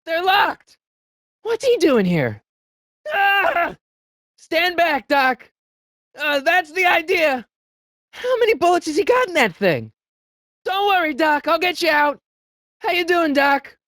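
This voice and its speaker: A video-game teen boy hero shouts urgently in a very high-pitched, fully acted character voice, excitable and earnest, with a swooping, animated delivery. He speaks slowly with long pauses and stumbles over his words when flustered. The audio is dry and close, with no room sound.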